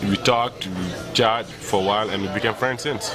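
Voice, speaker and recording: A man, calmly telling a friendly story. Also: lowish voice, normal speed, loud music behind the voice. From Senegal. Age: 20s. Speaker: interviewee.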